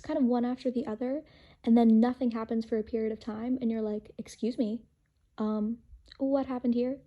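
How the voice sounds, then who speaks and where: A young woman with a somewhat high-pitched voice narrates a painting vlog. She talks casually and rambles with tongue-in-cheek humor, treating small matters with dry, exaggerated drama. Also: mellow. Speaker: vlogger and hobby painter.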